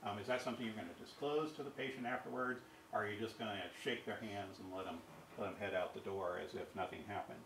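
A middle-aged man giving a university ethics lecture, halting with many fillers and restarts and asking the audience rhetorical questions. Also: on the low side, steady tone, background noise. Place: lecture hall. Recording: echoey hall recorded from far off.

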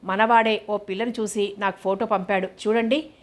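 A woman voicing a middle-aged mother who is calm and firm, speaking in a quiet, measured way. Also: medium pitch, natural voice.

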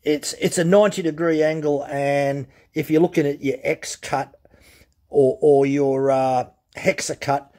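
A man's voice: fairly high pitch, steady tone, a little slow, warm tone. A man teaching chainsaw sharpening in his workshop, explaining step by step in a plain-spoken way and repeating the key points. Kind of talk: casual how-to demonstration. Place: workshop with grinders and tool wall.

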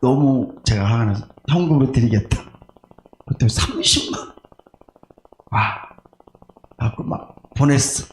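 A male pastor preaching a conversational, storytelling sermon, animated and confessional, making jokes at his own expense. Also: medium pitch, slow pace, long pauses. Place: church sanctuary. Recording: echoey church room with faint background noise.

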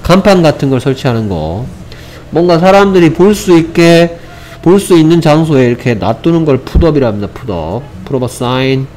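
Male English teacher, Korean accent, slightly high voice, repeats each phrase, faint background hiss. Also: very animated, moderate pace, darkish tone. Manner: explains step by step, repeats phrases, mixes English examples into Korean. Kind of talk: online English vocabulary lesson.

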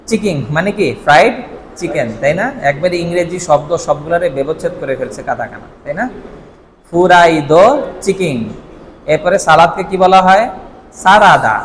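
High-voiced man teaching a language drill. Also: in a large hall, slight background noise, rough recording. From Bangladesh. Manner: asks questions and repeats words slowly for learners. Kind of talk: vocabulary drill lesson.

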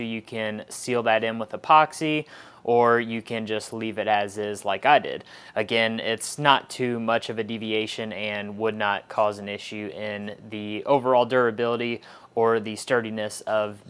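Man, mid-pitched, walks the listener through a hobby build step by step in an instructional voice-over, repeats himself a lot. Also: a bit bright. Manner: methodical, step-by-step, repeats "again". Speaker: model aircraft build instructor.

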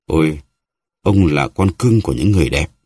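A man's voice: rumbling low, expressive, moderate pace, darkish tone, breathy edge, no room sound, clean studio sound, exaggerated voice. A man voicing a jealous, reproachful lawyer's wife who pleads and sighs in a novel reading. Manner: pleading, sighing.

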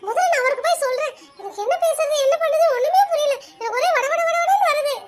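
Someone voicing a shrill fretting mother-in-law. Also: a little fast, very noisy. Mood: delighted. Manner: worried, talks over others, fussing. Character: anxious middle-aged mother-in-law. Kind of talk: cartoon voice acting.

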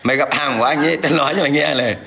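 A man's voice: a little high, very fast, sharp tone. A man ranting aggressively on a livestream, taunting and coarse as he addresses viewers and an absent rival. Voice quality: gravelly. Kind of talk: livestream rant.

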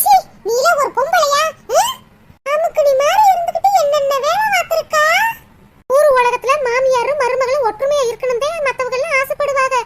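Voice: fairly even intonation, fast talker, few pauses. A voice actor playing a fierce, scolding village mother-in-law in a cartoon. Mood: furious. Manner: scolding, shrill nagging. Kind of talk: cartoon dub acting. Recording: loud background noise.

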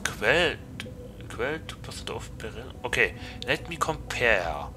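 A man's voice: medium pitch, sing-song, unhurried, noisy background. A man with a German accent streaming a game, chatting playfully and getting flustered easily. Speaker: VTuber streamer. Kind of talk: casual gaming stream chat.

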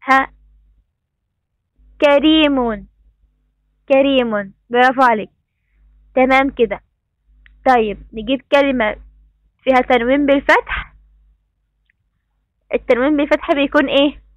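A woman's voice: high voice, a little slow, long pauses, no echo, muffled recording. A woman with an Egyptian Arabic accent teaching an online class to young pupils. She encourages them, repeating praise and instructions. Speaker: primary school teacher. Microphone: computer mic on a video call.

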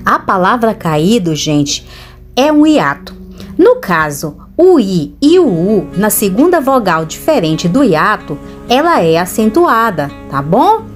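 Brazilian woman teacher dictating slowly. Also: medium pitch, big pitch swings, soft background music. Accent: Brazilian Portuguese. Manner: slow, clear dictation with drawn-out words; chatty and questioning with the viewer. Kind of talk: dictation and grammar lesson.

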